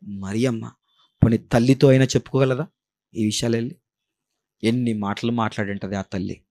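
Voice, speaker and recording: A man with a Telugu accent preaching a Christmas sermon. He asks his listeners rhetorical questions and swings between loud, high passages and hushed, low ones. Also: fairly even intonation, normal speed.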